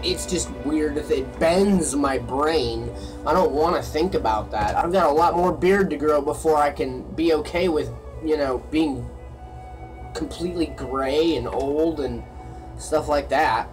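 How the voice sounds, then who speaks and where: A fairly high male voice comes through poor audio that sounds far from the mic, even though the vlogger, in his late thirties, holds his phone close at arm's length. He speaks casually and musingly to his viewers in a rambling solo video filmed at a small gas station kiosk.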